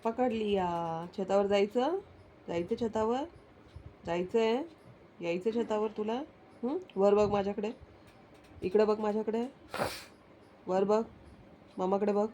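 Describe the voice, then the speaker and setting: Pet owner, female, unhurried coaxing baby talk at home, light background noise. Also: medium pitch, fairly even intonation, warm tone, lo-fi sound. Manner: coaxing, sing-song, teasing questions. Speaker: pet owner talking to her dog.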